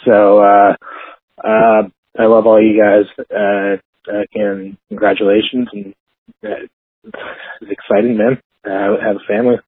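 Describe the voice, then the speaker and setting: A man from Canada leaving an earnest, halting voicemail over a landline phone. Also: fairly low pitch, level tone, slightly rough, dry recording. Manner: earnest, halting, searching for words. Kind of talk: casual spoken message. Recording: tinny phone-line voicemail.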